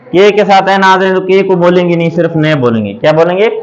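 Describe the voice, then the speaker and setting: A man's voice: high-pitched, quick pace. A male teacher giving a step-by-step phonics lesson, repeating each question and answering it himself while writing examples on a board. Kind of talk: classroom lesson on English phonics. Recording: dull lo-fi recording.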